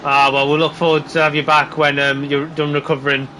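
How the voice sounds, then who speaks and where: A man doing live motorsport commentary, calling the race play by play in an excitable, exclaiming way. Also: on the high side, fairly quick, a little hiss or hum. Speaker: motorsport commentator on a sim racing broadcast.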